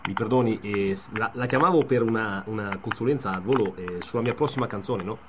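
A man's voice: on the low side, fairly quick, noisy background, natural voice. A man posing as a famous singer on a radio prank call, hesitant and stammering with many filler sounds. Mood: bumbling.

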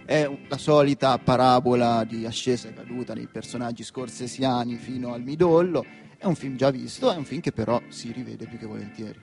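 A man's voice: medium pitch, a little fast, creaky, a little mellow, soft background music. A man on a radio panel weighing up a film in a reasoned, analytical way. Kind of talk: casual studio discussion.

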